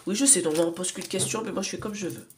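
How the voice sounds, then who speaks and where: A woman's voice: fairly low pitch, fast talker, background noise. A woman with a nasal voice giving a casual oracle card reading to viewers, rambling with many fillers and asides, sometimes dropping to a whisper. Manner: rambling, many fillers and tag questions, drops to whispers while drawing cards. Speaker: psychic card reader.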